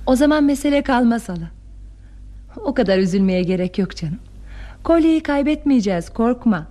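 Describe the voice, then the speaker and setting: A young actress playing a calm, playfully confident daughter in a classic radio play. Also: female voice, on the high side, moderate pace, natural voice. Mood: calm, teasing. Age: young adult. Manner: calm, teasing, self-assured. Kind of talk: 1960s Turkish radio theatre acting.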